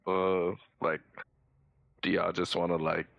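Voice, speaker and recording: A man's voice: low voice, level tone, takes it slowly, creaky, no room sound, lo-fi sound. A young man co-hosting a casual gaming podcast, talking in a hesitant, rambling way. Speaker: podcast co-host.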